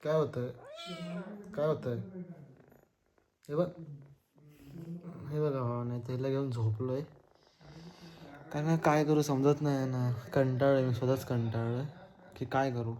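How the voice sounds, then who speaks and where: A man's voice: medium pitch, fairly even intonation, a little slow, long pauses, mellow, rough recording. A young man casually vlogging from his village home, chatting and mixing in English words. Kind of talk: casual vlog chat. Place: village house.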